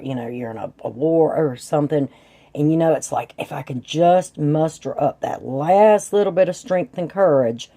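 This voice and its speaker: A woman's voice: sits low, mellow. A woman with a congested, sore-throat voice that breaks up here and there, chatting casually and folksily to viewers as she gives a tarot reading. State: sore throat with sinus drainage, voice slightly off and breaking up. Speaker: tarot reader and channel host.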